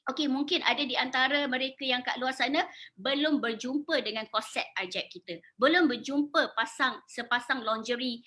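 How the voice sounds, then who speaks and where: Promoting products live and informally, a Malaysian-accented saleswoman in her forties speaks at normal speed in a high, bright, pushed voice. She stresses points over and over and keeps asking her audience questions to check they're following.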